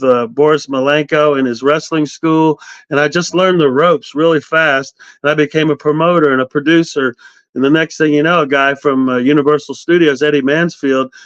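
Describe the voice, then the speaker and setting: A man in his fifties, a guest, telling animated stories in casual talk. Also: fairly high pitch, dry recording. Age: 50s. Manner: animated storyteller, quotes others. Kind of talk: casual storytelling interview. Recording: dry, slightly dull sound.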